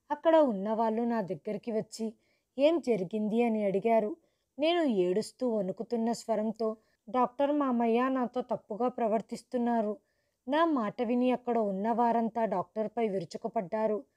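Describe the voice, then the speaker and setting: A woman telling a first-person story in a steady, earnest narrating voice. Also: on the high side.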